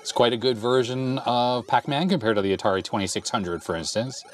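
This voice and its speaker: Speaking a little fast at medium pitch, a man in his forties tests an old computer in a cluttered workshop, filmed up close. The retro computer repair YouTuber keeps it relaxed, thinking aloud as he types, with keyboard clicks heard in this casual hands-on demo.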